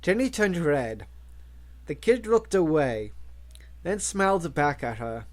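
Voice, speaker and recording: A male audiobook reader narrating a novel. His voice sits a touch high and moves expressively, with plenty of rise and fall. He reads at a slow, unhurried pace. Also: sing-song. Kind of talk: audiobook reading.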